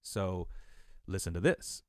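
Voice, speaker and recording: A man's voice: deep voice, lively intonation, takes it slowly, noisy background. A man teaching an online beatbox class, encouraging his students, counting them in and demonstrating the sounds.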